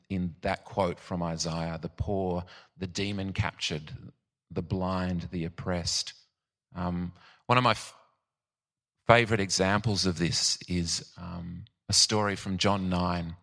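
A man preaching a sermon, thoughtful and unscripted, pausing with frequent ums and restarts. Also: deep voice, fairly bright tone.

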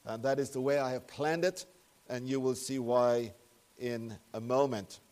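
A man leading a prayer and preaching a sermon at a pulpit microphone in a church, speaking in a measured, earnest way with solemn emphasis. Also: mid-range voice, fairly even intonation, a little mellow. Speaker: pastor. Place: church sanctuary.

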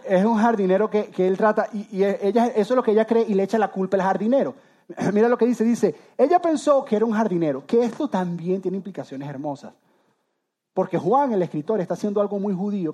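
The preacher here is a man with a high voice and dark tone, giving a sermon as pastor. He keeps it conversational, speaks directly to his listeners, and often restarts and repeats words.

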